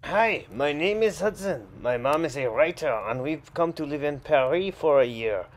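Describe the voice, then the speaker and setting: A man's voice: fairly high pitch, lively intonation, moderate pace, faint music behind, natural voice. A man doing an eager young puppy narrator. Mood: chatty. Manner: chatty, exasperated asides. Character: young boy dog, eager and easily sulky.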